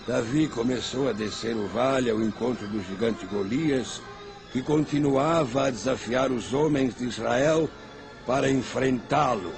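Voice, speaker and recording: A man narrating a scripted story in a dramatic storytelling style. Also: medium pitch.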